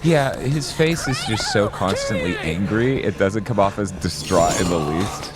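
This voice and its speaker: A man's voice: fairly low pitch, huge pitch swings, unhurried. A man giving casual, joking and profane commentary as he streams a game.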